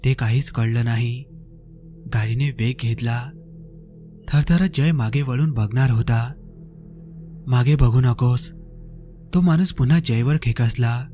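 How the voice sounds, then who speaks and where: A man narrating a scripted horror story in a measured, suspenseful reading. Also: mid-range voice, dark tone. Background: faint music.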